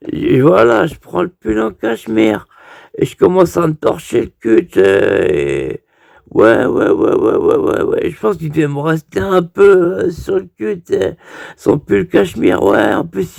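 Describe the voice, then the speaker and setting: A man with a somewhat high, gravelly voice telling a crude comic story. He rambles and stumbles through restarts and fillers. The sound is close and dry. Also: very animated, measured pace, darkish tone, no room sound. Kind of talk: improvised crude comic monologue.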